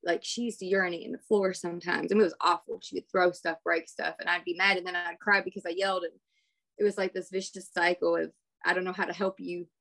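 A woman's voice: on the low side, level tone, fast talker, creaky, a bit bright. A middle-aged woman, a parent guest in a casual conversation, speaking candidly with rambling stories and laughter.

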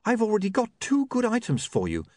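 A male reader voices a prim, proper young woman whose lilting, very animated voice leaps high and low. She speaks precisely in a dry, close storybook reading, a little fast, and the recording is dry.

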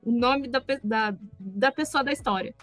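A Brazilian woman with a fairly high voice chats with friends on a podcast and spins a story with playful, animated energy, turning to her co-hosts for quick asides. Faint music sits low behind her. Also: dry recording. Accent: Brazilian Portuguese. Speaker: podcast co-host. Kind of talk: casual chat, storytelling.

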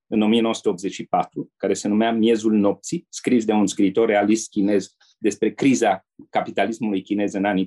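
Older male ex-diplomat telling anecdotes, husky dark tone, relaxed, talks to the listener in asides. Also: on the low side. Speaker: former diplomat and interpreter. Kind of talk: anecdotal storytelling.

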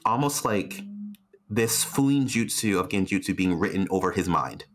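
A man narrating as game master of a tabletop game, slow and hushed in the dramatic parts. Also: sits low, lively intonation.

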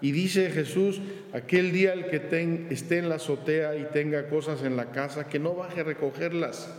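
A male priest giving a homily with slow, earnest storytelling. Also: on the high side, fairly even intonation. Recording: roomy church reverb.

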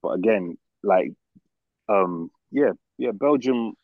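A man's voice: lowish voice, animated, slow pace, no room sound, narrow, tinny audio. A young man with a London roadman accent chatting casually about football as a podcast co-host, repeating phrases in stop-start slang. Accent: London, urban roadman slang.

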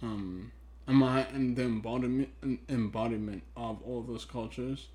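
A podcast host from Ghana, native in Twi, muses through a casual conversation in a hesitant, thoughtful manner with trailing pauses. His mid-range voice has fairly even intonation and a warm tone.

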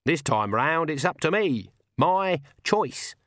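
A man voicing a stern, sharp-tongued elderly witch who talks in blunt rural speech. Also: a little high, very animated, slow pace, dry recording, pitched above the performer's own voice, heavily acted.

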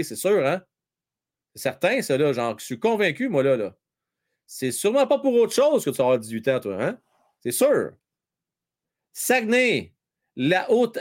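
Man, Quebec French accent, casual live-stream host, animated and teasing, repeats phrases. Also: on the high side. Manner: chatty, teasing, repeats himself, many fillers. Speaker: live stream host reading viewer chat during a hockey game. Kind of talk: casual live chat with hockey updates.

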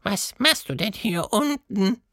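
A storyteller putting on the voice of a playful, mischievous male monster in a children's audiobook, speaking in a squeaky, teasing manner. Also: expressive, takes it slowly, a bit bright, no echo, studio quality. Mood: friendly. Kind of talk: storybook reading.

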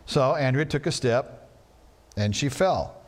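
Lively, animated male pastor preaching. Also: medium pitch, a little slow. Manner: animated storytelling with playful asides. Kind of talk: sermon. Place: church sanctuary.

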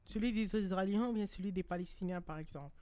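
A woman's voice: mid-range voice, fast talker, warm tone, no echo. A young woman, not a French speaker, talking casually in a group discussion and searching for words. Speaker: panel participant.

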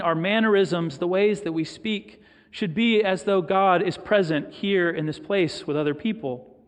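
A middle-aged man preaching a sermon as pastor, reflective and storytelling, with pauses for emphasis. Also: high voice. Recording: long reverb of a large hall.

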